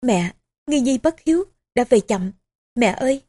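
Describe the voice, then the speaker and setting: A woman's voice: fairly high pitch, animated, unhurried, mellow. A woman reading the lines of a grieving young nobleman in a historical audiobook, speaking through tears. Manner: sobbing, pleading words to his mother.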